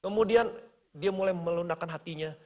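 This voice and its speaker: A male pastor preaching a sermon in a church, telling stories dramatically with big swings between soft and loud, dropping in English phrases. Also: high voice, brisk, dull audio. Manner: mixes English phrases into speech.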